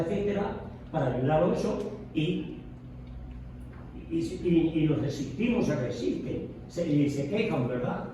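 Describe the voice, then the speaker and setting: A man's voice: a little high, mellow. A man in a Bible study group sharing a reflective, hesitant comment with repeated words. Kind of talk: group discussion. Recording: echoey room, far off, dull lo-fi, clear noise.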